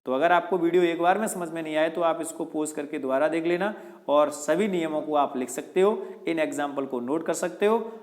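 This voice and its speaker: A man teaches grammar in a patient, methodical way. He keeps asking short questions and answering them himself. His voice sits a little high for a man. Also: fairly quick. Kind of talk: grammar lesson.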